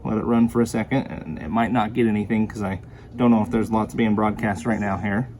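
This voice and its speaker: In this clear recording with some background noise, a male product reviewer walks through a product hands-on, keeping it casual and plainly explanatory. His voice sits on the lower side, a little mellow, and moves fairly quickly.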